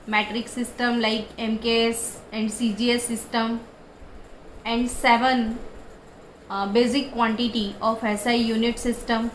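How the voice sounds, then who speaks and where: An Indian woman physics teacher lectures at a very slow, deliberate pace, breaking now and then into quick chanted memory rhymes. Her voice sits a little high. The recording is roomy and echoey with a faint hum behind her. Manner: slow, deliberate explanations with fillers. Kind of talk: classroom lecture mixing Hindi and English.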